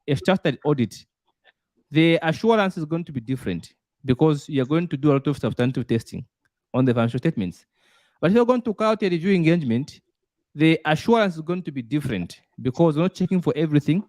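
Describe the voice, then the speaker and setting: A man tutoring a student, explaining concepts step by step with examples, repeating himself and pausing on "uh". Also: medium pitch, darkish tone, no echo. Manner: repeats points, frequent "uh" fillers. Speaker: auditing tutor quizzing a student. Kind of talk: explanatory lesson with worked examples.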